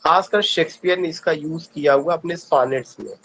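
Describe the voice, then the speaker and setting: A man's voice: on the high side, brisk, a bit bright, slight background noise, poor audio. A man with an Indian accent teaching an online exam-prep lesson, asking questions and answering them himself, repeating key points. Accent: Indian English. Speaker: English teacher.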